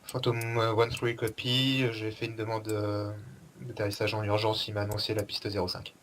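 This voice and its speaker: A man's voice: lowish voice, monotone, normal speed, fairly bright tone, slight background noise. A man making clipped, matter-of-fact radio calls full of jargon over a pilot's headset as he flies a jet in a combat flight game.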